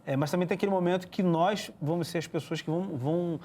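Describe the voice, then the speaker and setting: A man's voice: high voice, fast, a little mellow, slight background noise. A man hosting a casual devotional podcast, talking in an earnest, reflective way with hesitant restarts. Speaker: podcast host.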